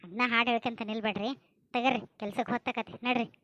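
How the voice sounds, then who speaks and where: A woman with a North Karnataka accent acting in a family comedy skit, chatty, brisk and plain-spoken. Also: on the high side, steady tone, a bit bright, dry recording, highs cut off. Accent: North Karnataka Kannada.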